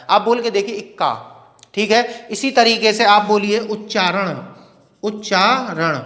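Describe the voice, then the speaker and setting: A man teaching Hindi grammar in a classroom lecture. He asks questions and answers them himself, and repeats words slowly to show their pronunciation. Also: sits high, fairly bright tone, big-room sound.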